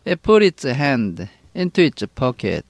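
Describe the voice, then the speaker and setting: A man from Korea teaching an English novel, reading each line slowly and then translating it. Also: mid-range voice, wildly swooping pitch, no echo. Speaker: English book lecturer.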